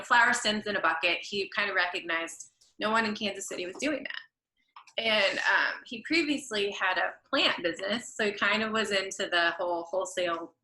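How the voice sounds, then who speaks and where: A woman's voice: medium pitch, pushed and bright, echoey room, low-quality recording. A woman, a guest telling a long story in a chatty, rambling way and correcting herself as she goes. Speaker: podcast guest, florist and creative director. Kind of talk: casual storytelling interview.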